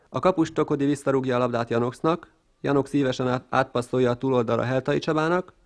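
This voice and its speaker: A man's voice: medium pitch, gravelly, lightly acted. A man playing a straight, factual football commentator, calling the match play by play on the radio. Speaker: sports commentator.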